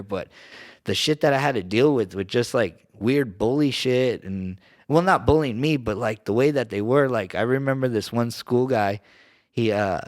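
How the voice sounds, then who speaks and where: A man from Southern California, a podcast guest, telling casual stories in a rambling, slangy way with lots of fillers and restarts. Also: on the low side. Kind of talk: casual storytelling.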